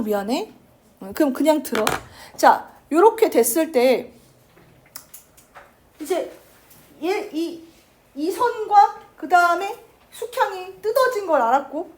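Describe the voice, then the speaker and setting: A woman teacher giving a chatty literature lecture, acting out the characters' lines in quick asides. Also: extremely high pitch, darkish tone, a little hiss or hum. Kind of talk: lively lecture retelling a classic novel.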